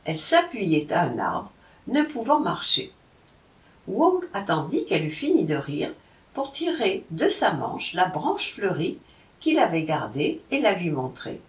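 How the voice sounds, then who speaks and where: A woman reading a folk tale aloud with an expressive delivery. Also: fairly low pitch, a little slow. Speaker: narrator. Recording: roomy, from a distance.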